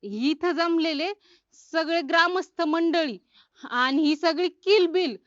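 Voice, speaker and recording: An actress playing a nervous, hesitant new village head. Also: female voice, very high voice, fairly bright tone, no echo, lo-fi sound, heavily acted. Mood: practicing. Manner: hesitant, halting.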